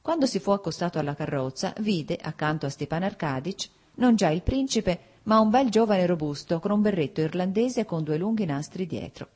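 A woman narrating a classic novel as an audiobook, in a steady, even reading voice. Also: on the low side, normal speed, few pauses. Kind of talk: scripted narration.

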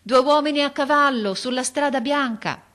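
A woman voicing a brave, fearless young boy in a storybook reading, calling out eagerly. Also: normal speed. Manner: bright, excited calls from up high.

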